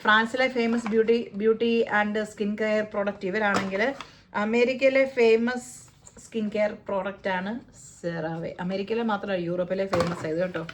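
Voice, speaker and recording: A woman's voice: mid-range voice, steady tone, normal speed, a little hiss or hum. A woman with a Malayali accent chatting casually through a shopping haul, playful and joking about how to pronounce brand names. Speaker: vlogger. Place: home, living in the UAE.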